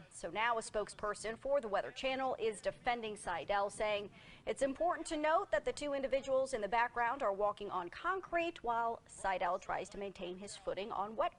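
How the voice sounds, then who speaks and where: Female news presenter with mid-range pitch. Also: a bit bright. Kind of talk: scripted news narration.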